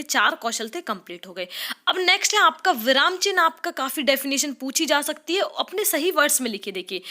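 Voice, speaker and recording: Bright high-voiced woman teaching a class. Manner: explaining patiently, often saying "dekhiye". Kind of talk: exam-prep lesson.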